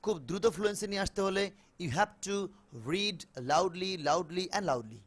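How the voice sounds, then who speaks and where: A man with a Bengali accent teaching an online spoken English class over a video call, mixing Bengali and English and repeating words slowly for his students. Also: high-pitched, expressive.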